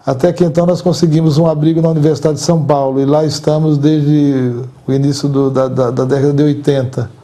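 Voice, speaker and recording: Answering formally as his association's outgoing president, an older man with a Brazilian Portuguese accent weighs his words and repeats some. His voice is fairly high, mellow, and level in tone.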